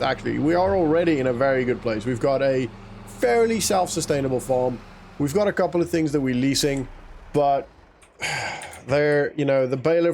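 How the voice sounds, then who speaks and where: This is casual let's-play commentary from a male gaming YouTuber, a native Afrikaans speaker, who chats, rambles to himself, and chuckles while playing a farming game. His voice is on the high side, gravelly, and a little mellow.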